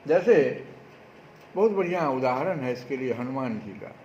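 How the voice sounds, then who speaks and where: A man's voice: medium pitch, expressive, measured pace, darkish tone, reverberant. A man giving a devotional discourse as a spiritual speaker, preaching with rhetorical questions. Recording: dull lo-fi recording with faint noise.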